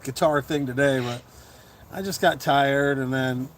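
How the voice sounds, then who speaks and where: A middle-aged man hosting a casual livestream chat as a comedian, rambling with lots of fillers and quick chuckles. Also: mid-range voice, fairly even intonation. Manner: chuckling, full of fillers and restarts.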